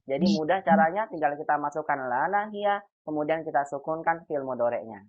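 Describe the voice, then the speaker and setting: A man's voice: fairly high pitch, lively intonation, a little fast. Man teaching over a tinny video call. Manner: patient, drills phrases with rising emphatic intonation. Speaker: Arabic teacher. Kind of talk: online Arabic grammar lesson. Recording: tinny phone-like call audio.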